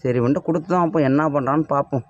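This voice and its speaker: A young man with a Tamil Nadu village accent in a casual comedy skit, excitably firing questions and scolding his friend. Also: on the high side, very fast, dull audio.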